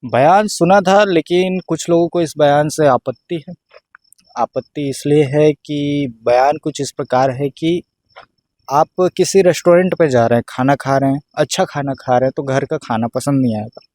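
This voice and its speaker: A man's voice: a little high, moderate pace, darkish tone, no echo. A man speaking as a guest on a panel, explaining his view with hesitations and restarts. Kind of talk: discussion commentary.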